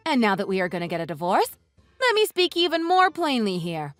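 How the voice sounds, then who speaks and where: In this read-aloud text-message story, a woman plays a wife who is livid with her in-laws and mocks them with biting sarcasm. Her mid-range voice swoops wildly in pitch and moves fairly quickly. There's no room sound, just her dry voice over soft music.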